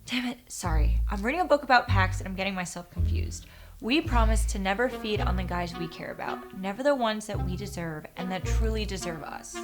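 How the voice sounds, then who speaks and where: A woman's voice: mid-range voice, a little fast, natural voice. Woman doing a vampire bestie, dry jokes, music playing behind. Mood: wry. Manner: dry, jokey. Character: joking female vampire friend giving advice. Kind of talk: film dialogue. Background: film score.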